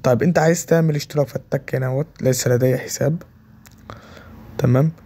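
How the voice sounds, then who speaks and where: A man's voice: mid-range voice, steady tone, fast, warm tone. A man with an Egyptian accent walking viewers through a website in a casual tutorial, saying "okay" between every step. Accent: Egyptian Arabic. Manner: keeps repeating "okay" between steps. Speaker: tutorial presenter. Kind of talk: casual screen walkthrough.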